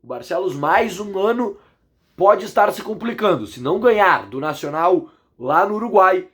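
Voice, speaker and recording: With lively intonation and a fairly bright tone, a Brazilian-accented commentator analyzes a football match in a casual vlog at a moderate pace. His voice is fairly high and hoarse, and his delivery is emphatic and indignant as he drives his arguments home.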